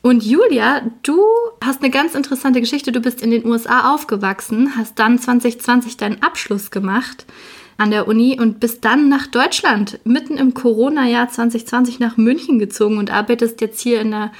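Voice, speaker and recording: Enthusiastic woman host with vocal fry. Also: fairly high pitch, fairly even intonation, moderate pace. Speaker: podcast host. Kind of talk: casual interview chat.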